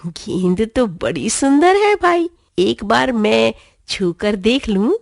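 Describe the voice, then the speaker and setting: A woman's voice: fairly high pitch, sing-song, takes it slowly, vocal fry, no echo, studio quality, heavily acted. A woman voicing a little boy eager to touch a new ball in a children's storybook reading. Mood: tempted. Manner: longing, coaxing.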